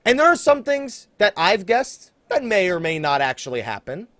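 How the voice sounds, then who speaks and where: A man with a high-pitched voice hosts a casual gaming podcast, speaking emphatically and directly to his listeners to build hype. His pitch swings widely, his pace is moderate, and his tone is fairly bright. The recording is dry.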